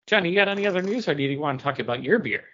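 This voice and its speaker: Talking very fast and animatedly, this man hosts a casual, chatty podcast in a slightly high, fairly bright voice. The recording sounds dull and lo-fi.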